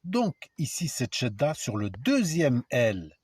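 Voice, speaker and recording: A man's voice: medium pitch, wildly swooping pitch, takes it slowly, a little mellow, slightly rough, no echo. A man giving an informal spoken lesson to viewers. He talks emphatically and provocatively, spells out letters and sounds one by one, and speaks straight to his audience. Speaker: video lecturer. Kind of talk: informal explanatory monologue to viewers.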